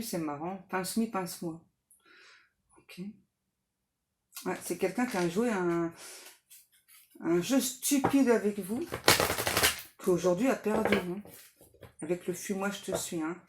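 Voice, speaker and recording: A woman medium giving a casual spiritual guidance reading, hesitant with many fillers and soft and reverent when praying. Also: fairly low pitch, measured pace, pauses often, slight background noise.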